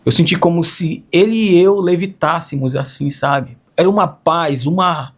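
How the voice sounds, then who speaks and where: Hoarse man, slightly high voice, earnest testimony storyteller. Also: moderate pace. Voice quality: hoarse, raspy. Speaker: testimony speaker. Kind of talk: emotional faith testimony.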